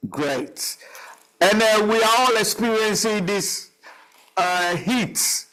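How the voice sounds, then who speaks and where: Tv host guy, kinda high voice, rambles and laughs a lot while interviewing. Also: expressive, slow pace, bright, forceful tone, poor audio. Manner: chatty, rambling, laughs often. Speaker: TV show host. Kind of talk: TV talk show interview.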